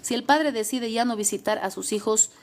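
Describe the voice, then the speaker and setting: A woman's voice: fairly high pitch, normal speed. A young adult woman lawyer, giving emphatic, repetitive advice. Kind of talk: advice talk.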